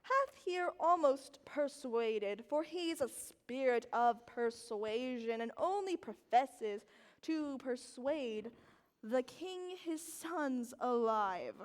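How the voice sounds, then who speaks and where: A woman's voice: high voice, expressive, slow pace. A woman playing a scheming, ambitious courtier in Shakespearean stage style, with theatrical, declamatory, hammy delivery. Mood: persuasive, insistent. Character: scheming, ambitious courtier urging a drowsy lord to seize a crown. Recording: echoey stage hall with long reverb.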